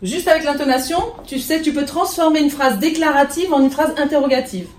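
A woman teaches a French lesson in a classroom, patiently checking in with her students often. Her voice is high and fairly quick, and the roomy space is recorded from a distance with slight background noise.

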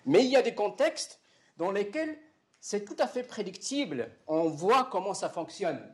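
A man's voice: high voice, sing-song, moderate pace, roomy sound. A man giving a lecture, explaining step by step and often checking that his students follow. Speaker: university lecturer.

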